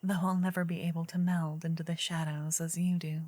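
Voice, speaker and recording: A woman playing a gentle, earnest druid in an ASMR role-play, her soft female voice slipping between breathy soft voice and low murmur. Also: level tone, no echo, close to an everyday voice. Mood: hushed, conspiratorial. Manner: slow, gentle, intimate female voice with pauses. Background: soft medieval ambience and music.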